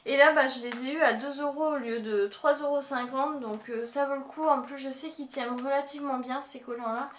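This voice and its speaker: A woman's voice: high-pitched, fairly even intonation, fairly quick, few pauses, fairly bright tone. A young woman chatting casually in a beauty haul vlog, full of fillers and restarts. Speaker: beauty vlogger. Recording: echoey room with faint noise.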